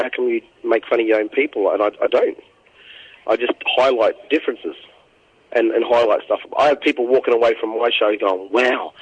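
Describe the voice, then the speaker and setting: Australian man, comedian, husky low voice, halting, slightly dull lo-fi sound. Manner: earnest, halting, repeats words while thinking. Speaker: comedian, interview guest. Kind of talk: interview answers.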